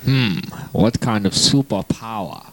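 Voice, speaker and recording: A man from the United States answering a comic mock interview in a halting, deadpan way. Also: fairly low pitch, noisy background. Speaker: interview guest.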